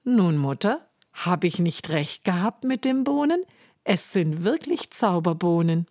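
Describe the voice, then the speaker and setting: Rich: A polite, hungry young boy from a fairy tale pleading for food, voiced by a woman reader. The delivery is earnest and a little higher, recorded close and dry. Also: big pitch swings, unhurried, a little mellow, no echo. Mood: proud.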